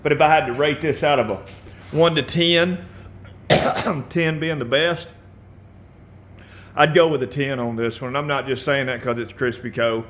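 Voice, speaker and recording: A man hosting a casual motorcycle how-to video in his garage, relaxed and rambling, often clearing his throat and coughing. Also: mid-range voice, unhurried, pauses often, slight background noise. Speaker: motorcycle builder and channel host.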